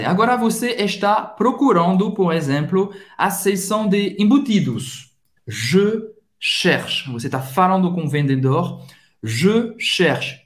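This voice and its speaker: A man teaching a language lesson, saying phrases slowly and repeating them for pronunciation. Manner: slow, drawn-out pronunciation drills with lively pitch. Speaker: French teacher. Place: room in France. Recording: echoey room.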